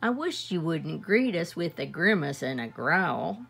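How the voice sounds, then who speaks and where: Lady reading as a jellyfish dude gently telling someone off, slow, gravelly edge. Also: deep voice, very animated, soft background music, exaggerated voice. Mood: chiding. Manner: gently scolding. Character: friendly floating male jellyfish.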